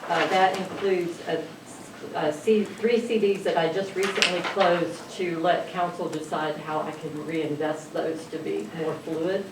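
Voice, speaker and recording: Low-voiced woman rushing through figures. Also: fairly even intonation. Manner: rushed, reeling off figures with fillers. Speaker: city finance officer. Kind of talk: reading a financial report at a council meeting. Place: council chamber. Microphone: distant room mic. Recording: echoey chamber, distant mic, noise.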